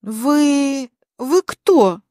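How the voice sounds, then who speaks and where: A woman voicing a furious young wife who snaps sharp commands in a spoken story. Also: a little high, sing-song, drawn-out words, no echo, clean studio sound, exaggerated voice.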